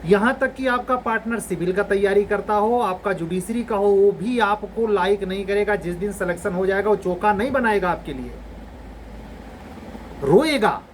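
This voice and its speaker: A man's voice: high-pitched, normal speed, slight background noise, rough recording. A man in his forties, an exam coaching teacher, giving students a blunt, exasperated scolding lecture.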